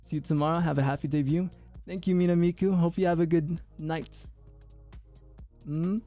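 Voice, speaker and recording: A man's voice: a little high, steady tone, dark tone, soft background music. A young man streaming his VTuber debut, goofy and joking, often tripping over his words in restarts. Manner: goofy, joking, quick to laugh; stammering restarts. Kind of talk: casual livestream chat.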